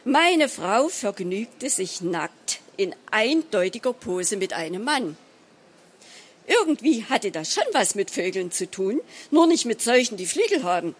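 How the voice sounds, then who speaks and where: Woman, story reader, humorous short story, dry measured delivery, slow pace, mid pitch. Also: big pitch swings, slightly rough.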